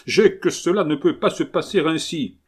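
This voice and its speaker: A furious middle-aged father, as a man reads him aloud, bursting out in exasperation. The voice jumps well above the reader's usual pitch and rings loud and forceful. Every line sounds like a scolding. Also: animated, moderate pace, slightly rough. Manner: exasperated outbursts.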